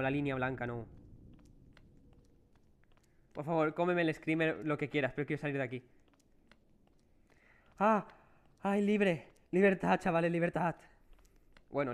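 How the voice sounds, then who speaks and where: A man's voice: mid-range voice, smooth. A man with a Spain Spanish accent streaming a horror game live, chatting with viewers and cursing when he gets startled. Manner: jumpy, curses and groans when startled. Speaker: livestreaming gamer.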